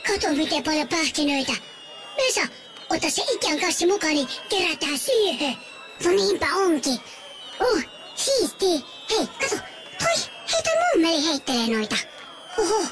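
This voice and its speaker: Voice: very high-pitched, big pitch swings, loud music behind the voice. Chirpy little squirrels. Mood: curious. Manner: chirpy, eager, chattering. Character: two excited young squirrels.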